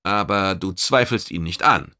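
A man voicing a calm, clever male hero who argues with cool logic in an audiobook. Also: deep voice, unhurried, no room sound, clean studio sound, heavily acted. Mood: persuasive. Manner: patient, reasoning, restrained.

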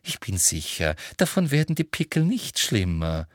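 A man's voice: big pitch swings, moderate pace, dry recording, studio quality. A man voicing a simpering, cruel female official with a toad-like smile in an audiobook reading. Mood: sugary. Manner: sugary and shrill, turning furious.

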